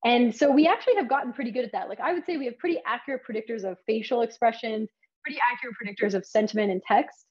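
A woman's voice: on the high side, rapid-fire, muffled recording. A woman giving an academic lecture, explaining her research in an enthusiastic, conversational way.

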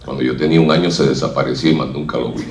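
A Puerto Rican man from Puerto Rico with a very deep voice and a Puerto Rican Spanish accent tells his life story on a hall stage before an audience, acting out what others said. His delivery is rapid-fire with fairly even intonation. The recording is very noisy and echoey, his voice picked up from a distance.

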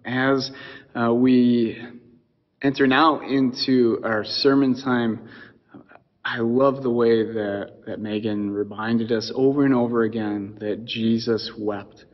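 A pastor opens his sermon at a slow pace, hesitant and pausing on fillers. His voice carries a long reverb. The recording sounds dull. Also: medium pitch, steady tone. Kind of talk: start of a sermon.

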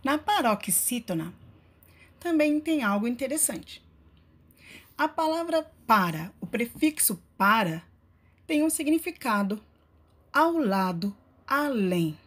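A woman teaches a scripted lesson at a very unhurried pace. Her voice sits a little high, and she draws out the words she wants to stress. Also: sing-song, fairly bright tone, breathy edge. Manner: deliberate, stretching key words. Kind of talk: slow, scripted grammar lesson narration.

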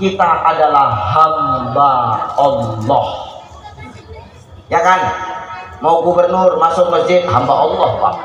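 A man giving a humorous sermon to a congregation, lively and jokey, often calling out to the men listening. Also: on the high side, slow pace, long pauses, lo-fi sound. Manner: lively, jokey, addresses the audience as "Pak". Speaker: preacher. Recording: echoey hall with faint background noise.

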